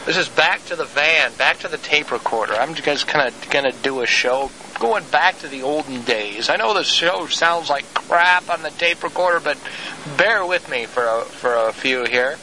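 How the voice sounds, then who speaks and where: A man's voice: a little high, animated, normal speed, sharp tone, slight background noise. A man hosting his own show, rambling with frequent restarts, recorded on a handheld tape recorder inside a van. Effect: lo-fi cassette tape recorder recording. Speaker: podcast host. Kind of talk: casual solo show monologue.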